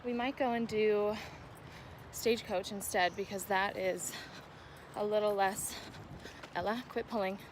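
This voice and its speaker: A woman's voice: medium pitch, background noise. A young American woman chatting casually and informally for a trail vlog, recorded outdoors on the move. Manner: chatty, informal, breaking off to talk to her dog. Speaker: vlogger.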